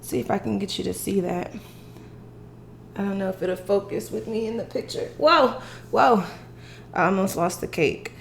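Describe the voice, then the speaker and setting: A woman's voice: mid-range voice, moderate pace, gravelly, pauses often, a little hiss or hum. A woman chatting casually to the camera in a rambling way as she hosts an eating show, eating crunchy fried chicken as she talks. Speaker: mukbang host.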